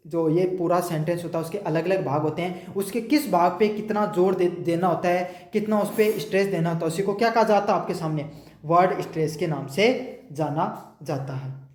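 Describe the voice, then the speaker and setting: A man teaching exam prep. He reads English notes slowly, then explains in quick, chatty Hindi and keeps checking that students have understood. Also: high-pitched, darkish tone. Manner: keeps asking "समझ में आ गया?". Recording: echoey room.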